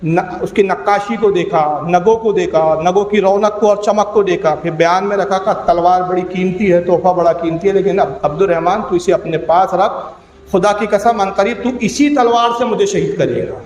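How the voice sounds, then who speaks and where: Dramatic high-voiced male preacher, echoey hall. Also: darkish tone. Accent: Pakistani. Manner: dramatic, voices the people in the story. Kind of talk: emotional storytelling sermon. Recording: echoey hall with faint hum.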